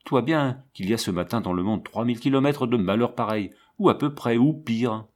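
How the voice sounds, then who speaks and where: A man voicing a weary, haunted soldier who speaks in a slow, brooding way. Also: medium pitch, close to an everyday voice. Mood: grim brooding.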